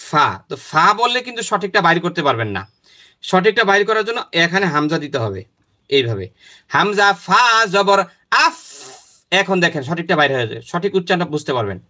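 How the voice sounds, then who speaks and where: A man leads a step-by-step pronunciation lesson. His voice sits high and sounds bright and forceful. He says each sound slowly and repeats it over and over. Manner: repetitive, demonstrating sounds slowly and often. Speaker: teacher.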